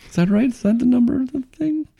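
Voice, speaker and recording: A man's voice: very high voice, fast, gravelly, warm tone, slightly rough. A man in his forties co-hosting a podcast in casual chat, joking and laughing often. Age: 40s. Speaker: podcast co-host.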